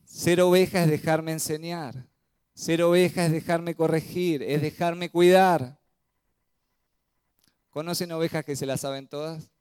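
A man's voice: a little high, steady tone, measured pace, a little mellow, clean tone, no room sound. A male pastor with a Rioplatense Spanish accent preaching a sermon in a church, asking the congregation rhetorical questions.

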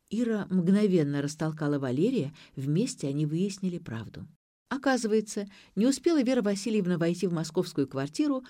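A woman narrating an audiobook with expressive storytelling. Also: lowish voice, dry recording, clean studio sound.

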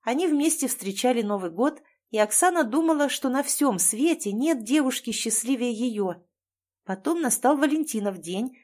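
A woman's voice: fairly high pitch, a little mellow. Woman narrating a story steadily.

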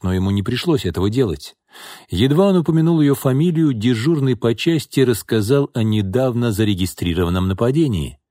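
Low-voiced man narrating an audiobook. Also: dark tone, dry recording, studio quality.

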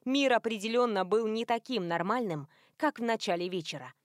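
A woman narrating a novel in an expressive, lively reading. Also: medium pitch, a little fast, dry recording, studio quality. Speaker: audiobook narrator. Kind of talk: scripted narration.

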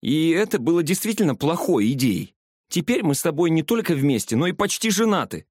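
A man's voice: fairly high pitch, very animated, a little fast, a little mellow, no echo, clean studio sound, voice pushed up. A man voicing a tired young woman, a caring friend, in an audiobook. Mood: exasperated.

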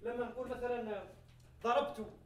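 High-voiced male grammar teacher in an echoey classroom. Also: fairly even intonation, a little fast, distant mic, slight background noise. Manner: explains by repeating examples, asks the class questions, laughs now and then.

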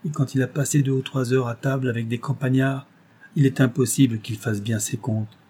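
A man's voice: mid-range voice, level tone, fairly quick, dark tone, breathy edge, close to an everyday voice. A man reading as a timid, pleading innkeeper's wife. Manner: humble, apologetic, pleading. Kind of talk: audiobook reading.

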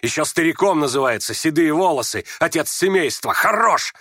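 A man's voice: on the high side, animated, moderate pace, sharp tone, no room sound, studio quality, pitched above the performer's own voice. A man snapping as a bitter young son. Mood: angry. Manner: scornful, snapping.

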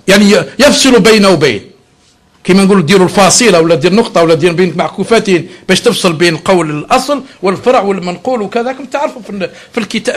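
A man with an Algerian accent gives a religious lesson in a very high voice at a quick clip. He slides between formal classical phrasing and casual dialect. He keeps asking his listeners whether they follow and restarts his phrases as he goes. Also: fairly bright tone. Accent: Algerian Arabic. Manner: conversational, often checks with listeners and corrects himself. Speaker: sheikh teaching a religious lesson.

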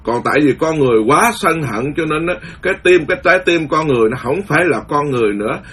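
A Buddhist monk giving a lively storytelling sermon, acting out the voices of the people in his story. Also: a little high, quick pace, slightly rough. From Vietnam. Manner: animated, acts out quoted voices, laughs at his own story. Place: lives in the US, speaking to followers.

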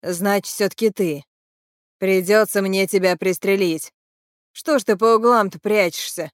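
A woman's voice: mid-range voice, steady tone, unhurried, dry recording, clean studio sound, natural voice. A woman voicing an angry male gangster who speaks curtly and threateningly. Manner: curt, threatening.

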